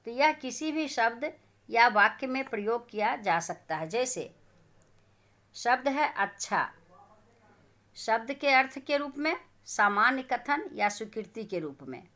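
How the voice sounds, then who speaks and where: A woman's voice: fairly high pitch, very animated, moderate pace, a bit bright. A woman teacher giving a grammar lesson to schoolchildren, asking questions and answering them herself.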